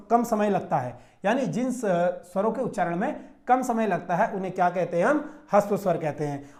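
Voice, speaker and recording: This high-pitched, slightly mellow voice belongs to a man from Uttarakhand teaching exam prep in Hindi. Step by step he explains the material, checking in with students often using "theek hai."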